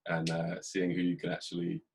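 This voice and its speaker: An English man hosting a podcast, talking in a casual, reflective way and keeping a dry, even tone even when he jokes. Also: deep voice, fairly quick, creaky, breathy edge, rough recording. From England. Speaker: podcast host. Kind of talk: casual conversation.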